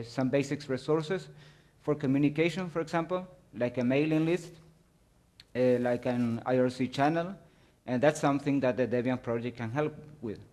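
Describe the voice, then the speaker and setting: A man presents a technical talk at a conference, walking his audience through his slides. His delivery is halting, with frequent pauses and restarts as he searches for the right words. His pitch sits in an ordinary middle range for a man. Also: a little mellow.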